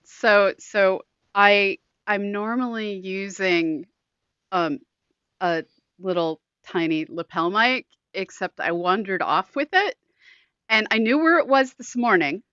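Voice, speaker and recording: A woman co-hosting a podcast, chatty and self-deprecating, quick to laugh at herself. Her voice is bright and forward. It comes through tinny, low-quality audio from a makeshift mic, dull and completely dry with no room sound. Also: no room sound. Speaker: podcast co-host, scientist. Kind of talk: casual chat.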